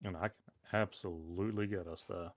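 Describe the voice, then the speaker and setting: A man's voice: low-pitched, fairly even intonation, a little fast, dry recording, clean studio sound. A man playing a tabletop game, talking casually in a pointed, exasperated manner.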